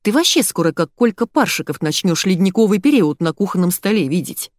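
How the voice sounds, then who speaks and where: A woman reading an audiobook, voicing an excitable, shrill wife who nags and fusses emotionally. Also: brisk, dry recording, lightly acted. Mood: gossiping. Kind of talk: audiobook character voice.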